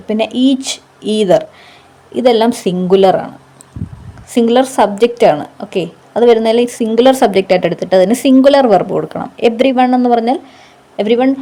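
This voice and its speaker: Mellow-voiced woman teaching grammar. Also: mid-range voice. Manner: patient, explains with rhetorical questions and frequent "okay". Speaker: exam coaching teacher. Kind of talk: grammar lesson.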